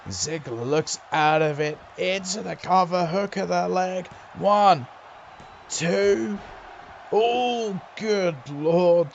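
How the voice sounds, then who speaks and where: A man calling wrestling play-by-play as a commentator, excitable and exclamatory, drawing out his calls on big moves. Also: on the high side, creaky, a little hiss or hum.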